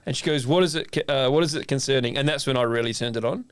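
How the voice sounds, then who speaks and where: A man's voice: mid-range voice, racing, clear, resonant tone, no echo. An Australian man, a chef and podcast co-host, chatting casually and animatedly acting out both sides of a conversation, with frequent swearing. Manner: swears freely. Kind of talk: casual chat.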